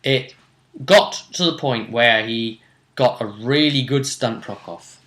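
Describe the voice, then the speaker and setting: A British man hosts a tabletop role-play vidcast, casually recapping a game in a halting way, repeating himself and trailing off. His voice is medium in pitch and a bit bright, and the recording has a roomy, echoing sound.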